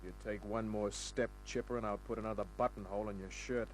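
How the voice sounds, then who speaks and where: Man playing Larry Kent, low-voiced needling private eye. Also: fairly even intonation, brisk, soft background music, lightly acted. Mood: bluffing, steely. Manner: wry, taunting tough talk. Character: cool, needling, hard-boiled male private detective. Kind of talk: old-time radio crime drama acting with first-person narration. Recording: noisy, humming old radio recording.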